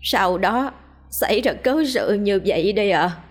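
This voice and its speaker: A woman's voice: mid-range voice, animated, a little slow, soft background music. A woman voicing a grieving village wife who pleads with the elders humbly and tearfully. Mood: recounting.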